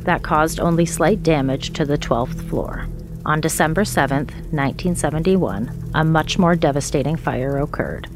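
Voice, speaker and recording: A woman reading a scripted, documentary-style ghost story in a measured, even storytelling manner. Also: low-pitched. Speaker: narrator of haunted-place stories.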